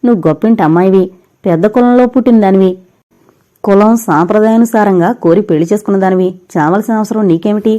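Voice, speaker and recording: A heartbroken young man pours out pained, bitter words, begging his lost love to leave him. A woman reads him in an audio novel. The voice stays mellow and warm. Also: medium pitch, fast, natural voice. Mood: anguished. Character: heartbroken young man drinking himself to ruin.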